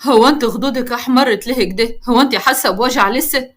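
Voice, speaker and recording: A woman voicing a firm, protective young man with an Upper Egyptian accent, calm and low-voiced. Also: quick pace. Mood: gentle.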